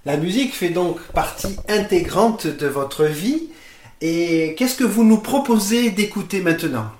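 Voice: mid-range voice, expressive, measured pace, reverberant. A radio interviewer asking polite, formal questions.

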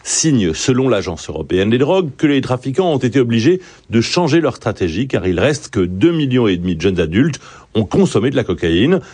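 A man filing a news report as a correspondent, with a slightly husky voice. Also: medium pitch, big pitch swings, fairly quick, a little mellow.

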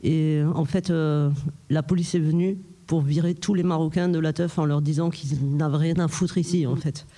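Man, casual chat, drawn-out talk, slightly high, mellow. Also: fairly even intonation.

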